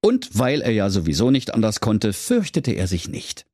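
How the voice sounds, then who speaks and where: A man narrating a comic fairy tale for children in a lively, playful way. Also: lowish voice, normal speed, no room sound, studio quality. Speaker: storyteller.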